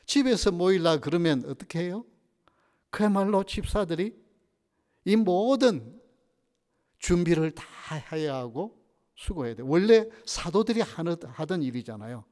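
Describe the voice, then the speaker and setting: Male pastor, Sunday sermon, spirited storytelling and rhetorical questions, slightly high voice, long church echo. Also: expressive, a little slow, a little mellow. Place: church sanctuary. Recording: reverberant church sanctuary.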